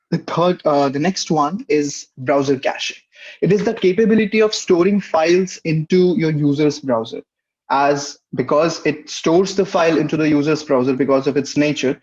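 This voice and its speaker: A man's voice: fairly high pitch, darkish tone. A young man from India, presenting a webinar tutorial over a headset on a video call. He explains steadily, with frequent "uh" fillers. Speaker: guest presenter. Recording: muffled video-call audio.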